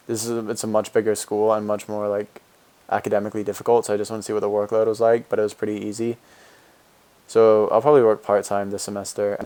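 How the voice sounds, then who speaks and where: Talking casually with his viewers, a twenty-something game streamer replies to chat in a deep, darkish voice, rambling along with fillers and frequent restarts.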